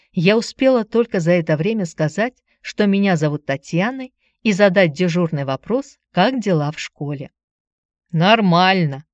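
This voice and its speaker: A woman reads a first-person story aloud in a calm, measured way. Her voice sits on the low side. The recording is dry and close, with no room sound. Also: dry recording. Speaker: audiobook narrator. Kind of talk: first-person audiobook narration.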